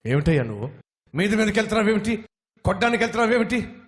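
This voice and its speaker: A man voicing an angry, loudmouthed man who shouts and scolds while threatening a preacher. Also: sits high, very animated, racing, long reverb tail, voice pushed up.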